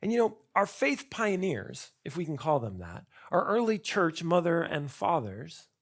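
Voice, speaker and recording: Male conference speaker, slightly high, gravelly voice; casual and chatty, full of rhetorical questions. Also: big pitch swings, measured pace. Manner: conversational, asks rhetorical questions; frequent fillers and restarts. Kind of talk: conference talk.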